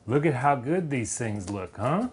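A man's voice: medium pitch, very animated, unhurried, husky. A man with a Southern accent casually demonstrating a recipe in his kitchen, talking in a folksy, rambling way with loose grammar and plenty of filler words. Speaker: home cook demonstrating a recipe.

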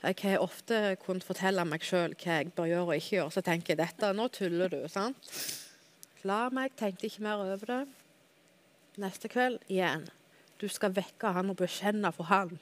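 A woman guest in a television studio tells her personal faith testimony. She speaks earnestly and candidly at a medium pitch. She keeps turning to the host for agreement as she talks. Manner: earnest and candid, often asks "right?" of the host.

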